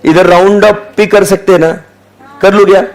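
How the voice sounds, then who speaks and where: A man's voice: sits high, fairly even intonation, low-quality recording. A young Indian man teaching an accounting class live, dictating figures and prodding students to answer. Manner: slow deliberate dictation mixing Hindi and English, prodding students for answers. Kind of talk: live online class lecture.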